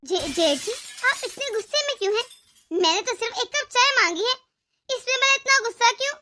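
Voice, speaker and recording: A spoiled, haughty young daughter-in-law from a cartoon family story, voiced by a woman. She talks back sassily in a very high, bright voice. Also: lively intonation, brisk, slight background noise, exaggerated voice. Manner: haughty, sassy.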